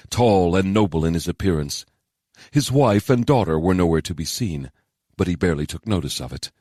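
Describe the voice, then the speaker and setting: A man narrating a fantasy novel in a steady, measured storytelling voice on a close studio mic. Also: low voice, dry recording. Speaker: audiobook narrator.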